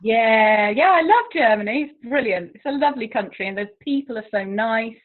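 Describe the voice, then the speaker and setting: In a casual interview, an English languages teacher talks animatedly at moderate pace in a slightly high voice. She chats at length, laughs frequently, and makes fun of herself, all over a tinny, phone-like line.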